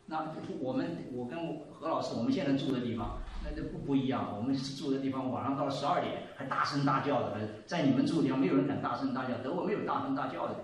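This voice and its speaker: A man in his seventies giving a sermon and telling a story, moving between loud exclaiming and quiet asides. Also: mid-range voice, fast, hardly any pauses, distant mic, a little hiss or hum. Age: 70s. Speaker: preacher. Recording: echoey room, voice from off the mic.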